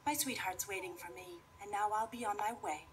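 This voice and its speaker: A woman's voice: mid-range voice, normal speed, slight background noise, lightly acted. Woman as a bold young heroine. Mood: self-assured. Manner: firm, self-assured.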